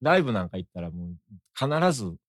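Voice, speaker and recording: Low-voiced Osaka-accented man, dry sound. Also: sing-song, fast, no room sound. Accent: Osaka Japanese. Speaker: guest. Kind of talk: conversational interview.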